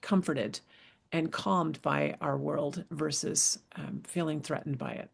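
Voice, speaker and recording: A woman hosting a podcast interview with a very gravelly voice and a husky edge. She mostly listens and answers in a soft, affirming way. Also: deep voice, steady tone, slow pace. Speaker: podcast host. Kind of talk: casual interview chat.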